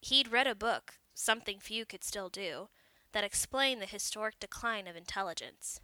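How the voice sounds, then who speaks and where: A woman narrating a short story in a clear, measured storytelling manner. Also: medium pitch, pushed and bright, dry recording.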